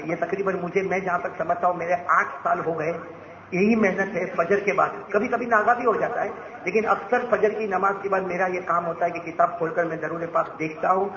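Jovial preacher man on an echoey mosque PA. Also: high-pitched. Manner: jovial, banters with the crowd, tells joking anecdotes. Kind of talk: Ramadan night sermon with call-and-response. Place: mosque gathering. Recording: echoey, dull mosque PA with crowd ambience.

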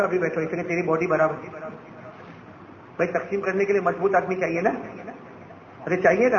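A man's voice: high voice, fairly bright tone, a little hiss or hum. A man preaching a Ramadan night sermon in a mosque, leading the crowd in call-and-response and joking with them as he goes. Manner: jovial, banters with the crowd, tells joking anecdotes. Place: mosque gathering. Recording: echoey, dull mosque PA with crowd ambience.

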